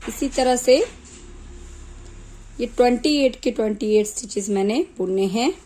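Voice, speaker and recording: A woman walks viewers through a knitting pattern in a calm, unhurried way, counting stitches aloud one by one. Her voice sits a little high and sounds slightly off from a sore throat, and she speaks very slowly. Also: rough recording. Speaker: knitting tutor. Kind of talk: slow step-by-step craft tutorial.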